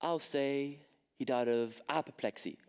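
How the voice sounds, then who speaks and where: A young man acting a weary, proper gentleman in a school stage comedy, with a dry delivery. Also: medium pitch, unhurried, smooth, close to an everyday voice. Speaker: stage actor in a school play.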